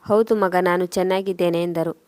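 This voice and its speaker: A woman voicing a poor, loving mother who gently reassures her son in storytelling narration. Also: on the low side, fairly even intonation, brisk, no room sound, lightly acted. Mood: tender.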